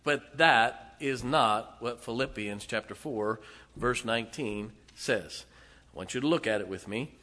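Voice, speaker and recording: A forty-something pastor preaching with a bright, forceful voice. He presses rhetorical questions on the congregation and swings from loud bursts to quiet asides. His sermon rings with long reverb through a church sanctuary. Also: medium pitch, unhurried. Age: 40s.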